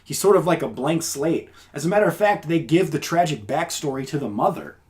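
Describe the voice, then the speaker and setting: A man's voice: a little high, lively intonation, a little fast, darkish tone. A man co-hosting a film review podcast, chatting casually and animatedly, with lots of filler words. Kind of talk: casual chat.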